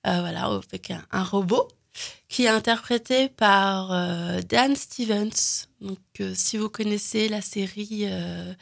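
A woman's voice: medium pitch, takes it slowly, vocal fry. A woman recommending films in casual chat, talking with many fillers and restarts. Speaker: film recommendation guest. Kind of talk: casual radio film chat.

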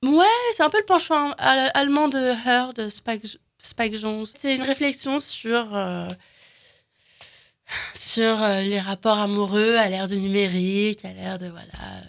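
A woman with a gravelly, creaky voice chats casually about films. She hesitates often, filling gaps with fillers and restarting her sentences. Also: mid-range voice, measured pace. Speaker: film recommendation guest. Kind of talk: casual radio film chat.

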